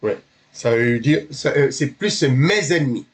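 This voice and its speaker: Husky-voiced man teaching a language class. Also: medium pitch, expressive. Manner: halting, self-correcting, repeats himself; patient, checks students understand. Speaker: Hebrew teacher.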